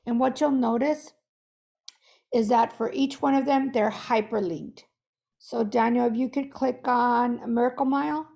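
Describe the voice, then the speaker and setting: A woman's voice: a little high, fairly even intonation, a little slow, vocal fry, dark tone. A woman who is losing her voice, guiding an online workshop in a chatty, self-correcting way over a video call. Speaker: workshop facilitator.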